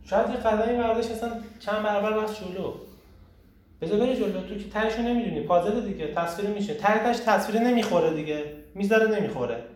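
A man hosting a casual group talk on personal growth, animated and emphatic, often asking rhetorical questions. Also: high voice. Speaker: host leading a group discussion. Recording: echoey room, far from the mic, faint noise.

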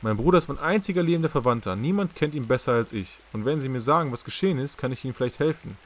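A man's voice: mid-range voice, quick pace, creaky, darkish tone, husky. Man voicing an insistent, indignant young scientist woman. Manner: raised, insistent, stumbles when upset. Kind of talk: audiobook character reading.

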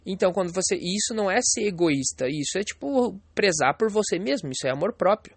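A man talks in a high, light voice, rambling bluntly and swearing freely as he vlogs. The sound is dry and close, with no room around it. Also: lively intonation, brisk, husky, dry recording. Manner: blunt, profane, rambling, fillers like "entendeu?". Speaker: vlogger. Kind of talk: casual monologue.

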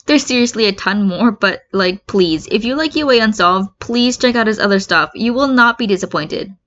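Her mid-range voice is expressive and fairly bright as she reads at normal speed. The woman is an amateur narrator performing fan fiction aloud with feeling, recorded in slightly muffled lo-fi sound.

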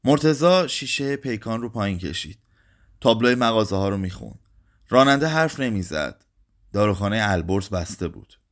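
A man's voice: on the low side, animated. Somber male literary narrator. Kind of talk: literary audiobook reading.

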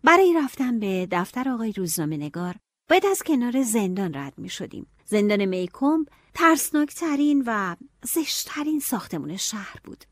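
A woman's voice: a little high, dry recording, studio quality. Woman narrating an audiobook. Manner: steady, storytelling.

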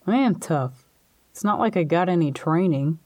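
A woman's voice: lowish voice, lively intonation, normal speed, warm tone, no room sound. A woman voicing a jittery adult man who insists on what he heard, in a storybook reading. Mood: defensive.

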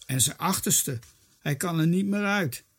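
The children's story is read aloud by a narrator whose husky, mid-range voice moves slowly yet stays lively and expressive.

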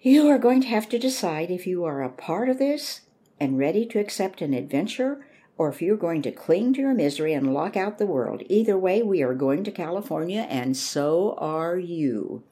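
Woman reading as a warm firm pioneer mom, a bit higher, mellow tone. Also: expressive, normal speed, natural voice.

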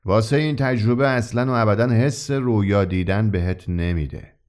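In an audiobook character reading, a man with a fairly low, darkish voice lightly acts the part of a mysterious, grinning old shopkeeper. He persuades eagerly and confidingly as he sells his wonders.

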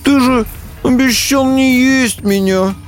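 A timid little storybook fawn pleads in a thin, high, shaky voice. The voice sits far above a grown man's speech and begs with every phrase. Faint music sits underneath. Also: slow. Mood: pleading. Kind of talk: storybook reading.

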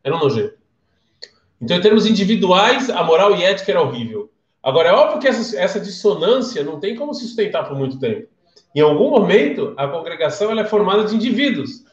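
Very animated and quick, this high-voiced Brazilian man teaches a casual class over a live stream in his Brazilian Portuguese accent. He's a chatty storyteller who keeps putting questions to listeners, and the audio is roomy and dull.

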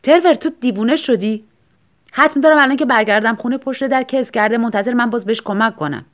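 A woman's voice: medium pitch, natural voice. A woman voicing an easily upset young man who exclaims in protest, in a storybook reading. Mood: indignant. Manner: exclaiming, indignant.

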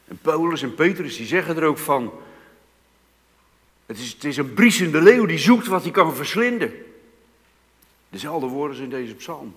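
Dutch-speaking preacher in a reverberant hall. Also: male voice, on the high side, animated, moderate pace, long pauses. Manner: dramatic swings between hushed and loud emphasis. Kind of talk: sermon. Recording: long reverb of a church hall.

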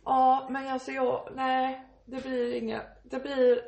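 A woman in improvised comic banter, blunt and swearing, with deadpan jabs. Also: sits high, creaky.

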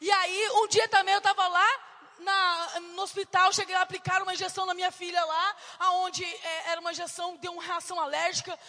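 A woman preacher delivers a fervent, emphatic sermon. Her voice is very high and bright, with a gravelly edge. She is heard through the long reverb of a church hall. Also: flat delivery, brisk. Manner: fervent, emphatic testimony with sudden shouts.

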